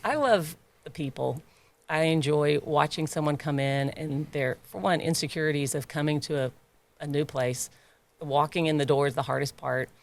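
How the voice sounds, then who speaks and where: A woman's voice: sits low, normal speed, gravelly. A woman who owns a gym, chatting in a podcast interview, laughing often and getting emotional about her members. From United States. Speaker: gym owner and trainer.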